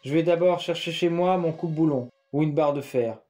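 A man voicing Laurent, a steady adult man giving firm instructions during a rescue. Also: fairly high pitch, a little fast, faint music behind, lightly acted. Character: calm helpful adult man, neighbor Laurent.

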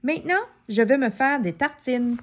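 A woman's voice: high-pitched, animated, moderate pace. A woman voicing a jolly, plump lady with a big appetite in a children's story she reads aloud, with a cheerful, chatty manner.

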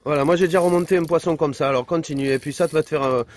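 Guy filming on a fishing boat, kinda high voice, joking around, loud and excited. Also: very fast. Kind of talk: casual joking commentary. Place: outdoors on a fishing boat at sea.

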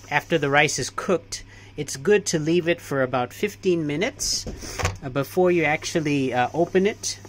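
A young man chatting casually through a cooking demonstration in a small home kitchen, relaxed and full of fillers. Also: a little high, a little hiss or hum. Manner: relaxed, hesitant, many fillers. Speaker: cooking vlogger.

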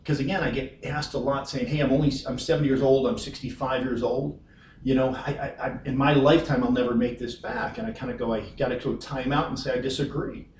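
Casting: steady, plain-spoken firm president in his fifties, roomy distant sound. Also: medium pitch, a little fast, a little hiss or hum. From Western New York. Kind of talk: reassuring conference-room talk. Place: wood-paneled conference room. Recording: roomy echo from far off.

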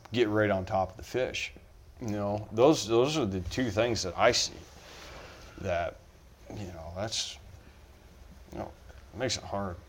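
A man's voice: lowish voice, measured pace, pauses often, a little hiss or hum. A middle-aged man, a fishing guide, talking casually on a podcast, rambling with many restarts.

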